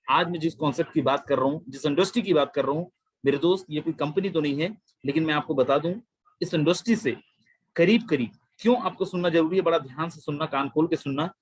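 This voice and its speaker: A man hosting an online webinar, pitching a plan with emphatic, repetitive persuasive talk that mixes in English phrases. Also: slightly rough, no room sound, low-quality recording. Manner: emphatic, repeats phrases, addresses listeners as my friend. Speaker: webinar host presenting a crypto plan.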